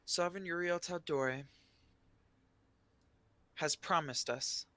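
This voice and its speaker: A man's voice: a little high, slow, pushed and bright, dry recording, voice pushed up. A man voicing a shy, nervous woman arcanist giving an earnest, formal announcement in a tabletop game.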